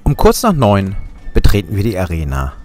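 Wry German man narrating, deep voice. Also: wildly swooping pitch, moderate pace, darkish tone, faint music behind. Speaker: vlog narrator. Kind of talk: scripted voice-over narration.

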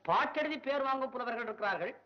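A man's voice: lively intonation, quick pace, slight background noise. An actor playing a poor, anxious male poet in a 1960s film, whining and frantic. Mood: cheeky. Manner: frantic, whiny, jumps between high and low. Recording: dull old film soundtrack.

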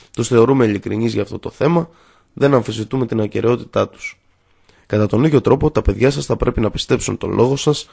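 Male narrator as a composed young student, gentle and quiet, gravelly low timbre. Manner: calm and gentle.

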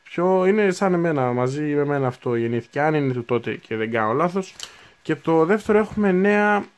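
A man's voice: fairly high pitch, expressive. A man in his twenties chatting casually as he unboxes new hobby supplies, thinking aloud and correcting himself as he goes. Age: 20s. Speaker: unboxing video host.

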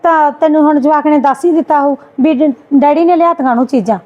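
A woman scolding her sister-in-law in a Punjabi family drama skit, indignant and quick. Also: high-pitched, steady tone, highs cut off.

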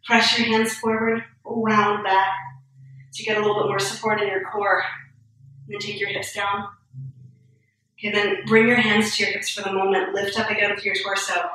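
A woman in her thirties leading a guided yoga class, cueing each move calmly and a little out of breath. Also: medium pitch, moderate pace, slight background noise. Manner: calm step-by-step cueing, a little breathless and joking. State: a bit out of breath. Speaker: yoga instructor. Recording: very echoey room, voice far from mic.

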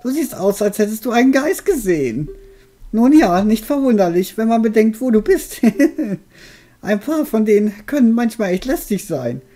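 A man voicing an amused, helpful old witch in a video game, with deliberate delivery. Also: high-pitched, very animated, dark tone, voice pushed up. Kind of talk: voiced video game dialogue.

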